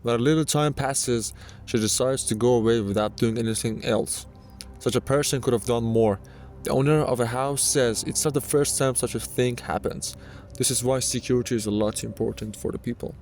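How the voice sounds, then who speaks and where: A man's voice: mid-range voice, steady tone, normal speed, darkish tone, slight background noise. A man reading scripted narration for a countdown video. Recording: music under the voice. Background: background music.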